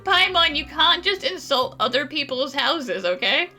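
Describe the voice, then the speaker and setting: A chatty woman who laughs easily gives casual, improvised commentary and replies while playing through a video game, with game music behind her. Her voice is high-pitched and sharp, swinging widely in pitch at an unhurried pace.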